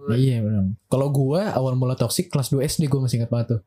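Young guy, co-host, husky mellow tone, animated storyteller. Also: quick pace. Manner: storytelling, jumps up in pitch when quoting others. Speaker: podcast co-host. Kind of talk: casual chat.

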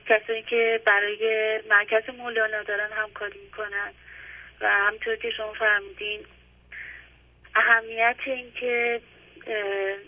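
A woman's voice: mid-range voice, level tone. A woman calling in to a radio program from her home, speaking earnestly and gratefully with hesitant fillers over a phone line. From Iran. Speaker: caller. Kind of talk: phone-in call.

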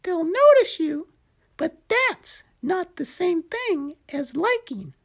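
A woman doing a squeaky, chirpy little gecko. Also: sing-song, slow pace, full character voice. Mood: gentle. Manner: chirpy and encouraging. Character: eager cheerful little male gecko coach.

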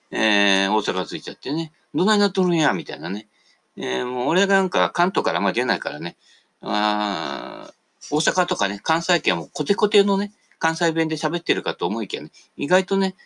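A man's voice: on the low side, gravelly, fairly bright tone. A man hosting a casual radio talk monologue, chatty and digressive, tagging the ends of his phrases. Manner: digressive, jumps between topics.

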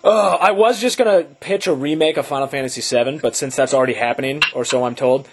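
Husky-voiced man co-hosting a podcast. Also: mid-range voice, quick pace. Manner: joking, loose and upbeat. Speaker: podcast co-host. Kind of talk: casual podcast chat.

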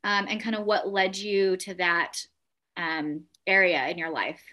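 A woman's voice: lowish voice, steady tone, unhurried, sharp tone. A woman hosting a podcast in a casual, informal and friendly conversational way. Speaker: podcast host.

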